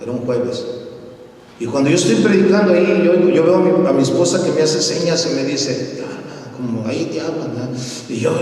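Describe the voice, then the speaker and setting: A man preaches with fervor, telling a story and rising to loud, emphatic peaks. His voice rings through a large church hall with long reverb. He sounds distant from the microphone. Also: a little high. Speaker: visiting pastor. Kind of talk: sermon. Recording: echoey church hall, mic far off.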